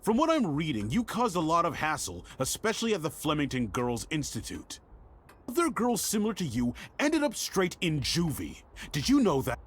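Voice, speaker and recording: A man's voice: fairly high pitch, wildly swooping pitch, normal speed, a little hiss or hum. An actor playing a stern middle-aged director of a girls' home, formal and scolding, in a dramatic video game scene. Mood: stern, concerned.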